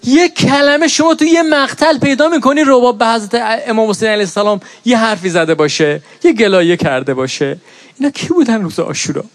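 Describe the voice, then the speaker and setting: In a high voice, a middle-aged man gives an expressive mourning sermon. What starts as plain narration turns into an impassioned, lamenting chant of verses. It's a dry, close recording with no sense of the surrounding room.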